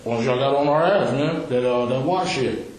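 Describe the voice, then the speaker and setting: A man in a recorded police interrogation, telling his story with profane street slang and lively retelling. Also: mid-range voice, moderate pace, a little hiss or hum. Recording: echoey room on a distant recorder.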